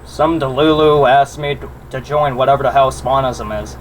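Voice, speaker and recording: A man's voice: medium pitch, fairly even intonation, moderate pace, poor audio. A young man in casual voice-chat banter, talking in a brash, slangy, sweary way. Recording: faint background noise on mic.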